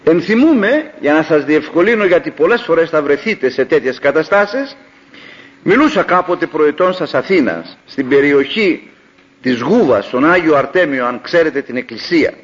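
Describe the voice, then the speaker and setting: An older man from Greece, a preacher telling a story in a sermon, acting out the dialogue with animated delivery. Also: a little high. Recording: dull lo-fi old recording.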